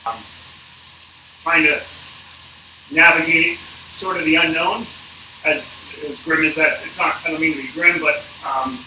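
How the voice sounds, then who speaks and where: A man coaching an indoor cycling workout on a livestream, speaking casually and haltingly with a dry, informal manner. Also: fairly high pitch, steady tone, pushed and bright. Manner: halting, informal, dryly joking. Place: indoors in an apartment. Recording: echoey, distant mic, noisy room.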